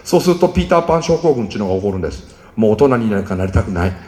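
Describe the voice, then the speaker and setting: A quick-talking middle-aged man with a Kansai Japanese accent lectures parents. His pitch leaps around as he acts out little family scenes. His voice rings with a long reverb from a large hall. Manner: animated storyteller, acts out family quotes. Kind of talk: lively seminar talk to parents.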